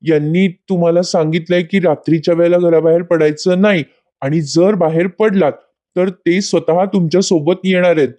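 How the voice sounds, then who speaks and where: A man's voice: sits high, fairly even intonation, moderate pace, mellow, close to an everyday voice. A man voicing a middle-aged aunt who nervously passes on a message. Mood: apologetic.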